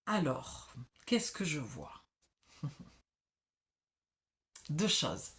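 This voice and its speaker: A woman's voice: deep voice, huge pitch swings, very slow. A woman giving an oracle card reading, talking straight to the viewer in a chatty, self-mocking way.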